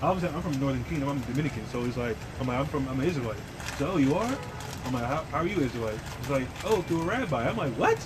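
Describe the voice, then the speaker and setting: A young man in casual street discussion, speaking fast, emphatic and slangy as he teaches visitors. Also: medium pitch, animated. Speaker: camp member teaching visitors. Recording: noisy outdoor street recording.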